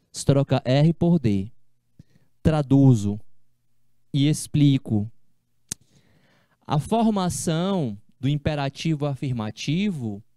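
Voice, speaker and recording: A man teaching a language class, explaining slowly and repeating each step, with casual friendly asides to his students. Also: a little high, mellow, no room sound, clean studio sound. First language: Portuguese. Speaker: Spanish teacher. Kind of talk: online class lecture.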